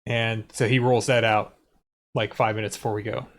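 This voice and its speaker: A man's voice: lowish voice, flat delivery, moderate pace. A man hosting a live race restream, chatting casually and laughing easily. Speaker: restream host. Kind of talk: casual race commentary chat.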